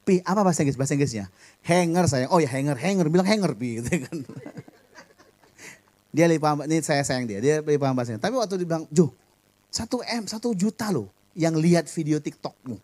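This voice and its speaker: A middle-aged man preaching a sermon as pastor, telling family stories with humor and lively acted-out dialogue. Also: a little high, fast talker. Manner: animated storytelling with humor.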